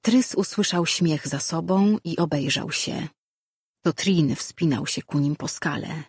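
An audiobook narrator reads a scripted fantasy story in a calm, steady, slightly slow manner. His husky voice sits at a middle pitch, and the recording is dry and close to the mic.

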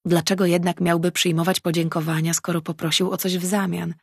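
A woman reading a novel aloud as an audiobook narrator, in calm, even storytelling. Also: lowish voice, a little fast, gravelly, slightly rough, no echo, clean studio sound. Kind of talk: scripted narration.

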